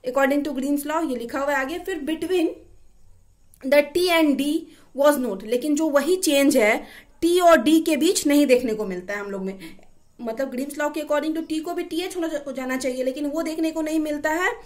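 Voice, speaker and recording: A woman teaches a language lesson in a bright, high voice. She reads each English phrase slowly and carefully, then explains it in her own words.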